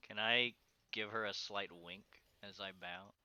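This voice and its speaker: A man's voice: fairly low pitch, steady tone, measured pace, pushed and bright, clear, resonant tone. A man playing in a tabletop game, dry and playful, a little exasperated. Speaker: player.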